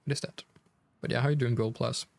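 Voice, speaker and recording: A young man with a Danish accent speaks fast, his medium-pitched voice creaky and darkish with fairly even intonation, and no room sound. Casually chatting on a live game stream, he reads viewers' messages aloud, full of fillers and restarts.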